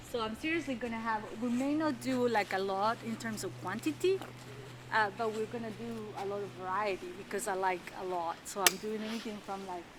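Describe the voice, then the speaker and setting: A woman's voice: fairly high pitch, very noisy. A woman in her forties from El Salvador, a native Spanish speaker, telling her story casually with many fillers and restarts as she walks through her house. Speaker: interviewee. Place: her house, walking from room to room. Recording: echoey room, faint ambience.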